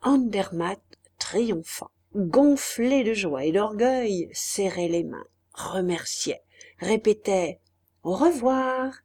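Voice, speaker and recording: Slow mellow woman reading a novel. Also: mid-range voice, husky. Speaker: audiobook narrator. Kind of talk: literary audiobook narration.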